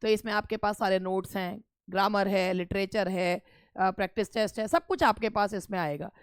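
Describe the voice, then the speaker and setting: A woman's voice: mid-range voice, fairly even intonation, normal speed, clean tone, no echo, studio quality. A woman teacher giving an online exam-prep lesson, explaining step by step and stretching words to show their stress.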